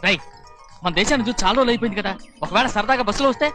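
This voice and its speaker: A gruff landlord from a film barks orders at his staff in a high, rapid voice. Film music plays clearly behind him. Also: pushed and bright. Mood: fretting. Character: older landlord, fond father, gruff with servants. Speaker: landowner master.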